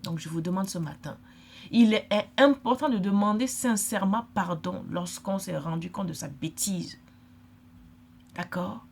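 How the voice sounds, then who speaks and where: A woman's voice: on the low side, a little slow, vocal fry, darkish tone, slightly rough. A middle-aged woman from Africa, giving an emphatic, lecturing vlog monologue and repeating her points. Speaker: vlogger.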